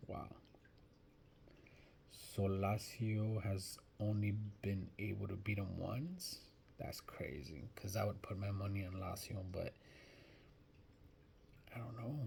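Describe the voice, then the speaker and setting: A man's voice: lowish voice, slow pace, vocal fry, long pauses, warm tone, a little hiss or hum. A man giving casual soccer betting predictions, thinking aloud and hesitant, often restarting his sentences. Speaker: sports betting vlogger.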